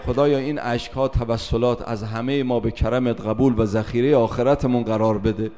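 A man's voice: medium pitch, steady tone, dark tone, a little hiss or hum. A man from Tabriz delivering a mourning sermon in an impassioned, chanting lament. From Tabriz, Iran. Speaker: mourning eulogist. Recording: long hall reverb.

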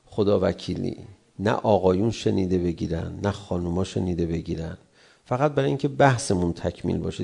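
Gravelly-voiced man preaching a sermon. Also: lowish voice. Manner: animated, acts out quarrelling spouses in raised voices. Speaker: cleric.

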